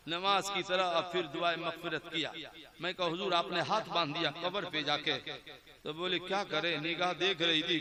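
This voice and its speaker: A man preaching a sermon to a large religious gathering, putting questions to the audience and urging them to answer back. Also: high voice. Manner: addresses the crowd, asks them questions and calls for responses. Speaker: Islamic preacher. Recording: live with audible crowd. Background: crowd.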